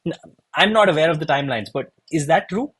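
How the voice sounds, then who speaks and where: Male podcast host, slightly higher voice, husky, rambling questioner. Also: animated, fast talker, a bit bright. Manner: long, winding questions full of restarts. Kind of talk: asking interview questions.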